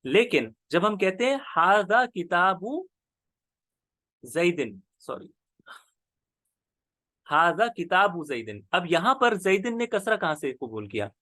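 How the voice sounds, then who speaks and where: A man's voice: sits high, big pitch swings, measured pace, pauses often, pushed and bright, dry recording. A male teacher giving an online grammar lesson, explaining patiently step by step and repeating key terms.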